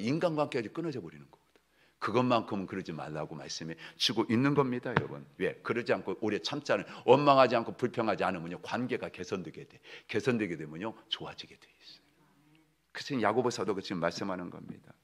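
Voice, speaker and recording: A man preaching a sermon as pastor, leading the congregation through readings and often calling out to them, swinging from loud exhortation to soft asides. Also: lowish voice. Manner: addresses the congregation often, leads group readings.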